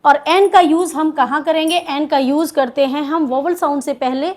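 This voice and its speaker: A woman's voice: high voice, fairly even intonation, moderate pace, darkish tone. A woman with an Indian accent teaching English grammar in a video lesson, asking questions and answering them herself.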